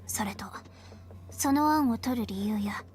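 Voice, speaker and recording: An actress voicing a quiet young woman in a game, speaking softly and breathily. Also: fairly high pitch, measured pace, natural voice.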